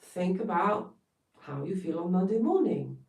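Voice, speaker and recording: A woman's voice: fairly low pitch, expressive, measured pace, creaky, darkish tone. A woman from Poland with a Polish accent giving an emphatic, blunt motivational talk on a live stream, swearing now and then for emphasis. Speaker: wellness coach. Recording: roomy sound, distant from mic.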